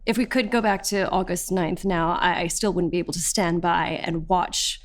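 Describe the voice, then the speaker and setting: A woman's voice: fairly low pitch, moderate pace, natural voice. An actress playing a defiant young woman of twenty-one, telling her arrest story as documentary theatre testimony. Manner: animated, vivid storytelling. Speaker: actor.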